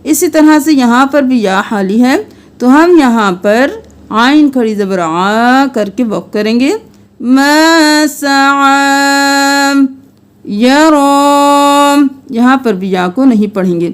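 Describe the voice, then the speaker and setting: High-voiced woman teaching Quran recitation. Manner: patient step-by-step explaining, chanting verses slowly and melodically.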